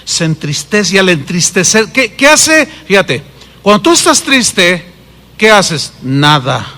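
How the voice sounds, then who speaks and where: A man preaching a sermon as a pastor, with a Mexican Spanish accent, animated and swinging between loud and hushed delivery. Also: high-pitched, takes it slowly, in a large hall.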